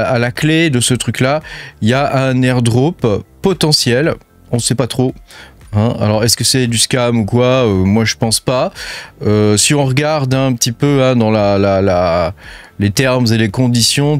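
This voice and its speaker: A man's voice: medium pitch, no echo. A man with a French accent casually walking viewers through apps on his screen, chatty and full of fillers. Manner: chatty, lots of fillers and hein, addresses viewer as tu. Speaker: crypto channel host. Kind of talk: casual screen-share walkthrough.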